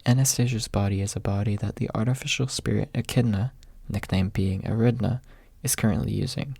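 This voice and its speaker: Speaking briskly with fairly even intonation, a male audiobook narrator delivers a story in soft ASMR fashion. His voice is husky and gravelly at a medium pitch, captured close and dry with very little room and no room sound.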